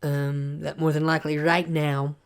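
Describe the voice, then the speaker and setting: Halting, gravelly Bible study teacher. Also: mid-range voice, flat delivery. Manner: halting, repeats words while thinking aloud. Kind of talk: casual Bible study talk.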